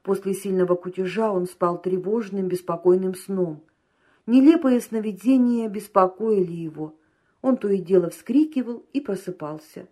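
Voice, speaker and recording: A woman narrating an audiobook at a measured, even pace. Her voice sits at a middle pitch. She reads steadily between the characters' lines.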